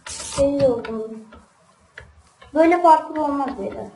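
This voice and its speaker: Woman host doing casual game commentary to viewers; quick to complain, recorded distant in an echoey room. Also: high-pitched, creaky, warm tone. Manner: grumbling, easily frustrated, talks straight to viewers. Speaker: gaming channel host. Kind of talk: casual let's-play commentary. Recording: roomy, distant mic with background noise.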